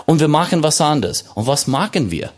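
A man's voice: on the high side, very animated, fairly quick. A man preaching a sermon as pastor, stressing his points by repeating phrases and by asking questions and answering them himself.

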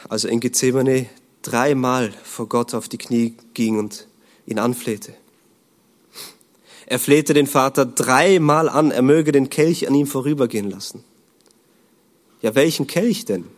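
Earnest German-speaking male preacher. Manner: earnest, rhetorical questions, dropping to a low hush. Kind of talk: sermon.

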